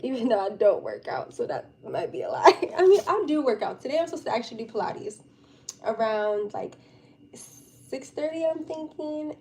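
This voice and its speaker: A young woman live streamer chatting casually and informally with her viewers, with a giggly, chatty manner. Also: fairly high pitch. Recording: steady background noise.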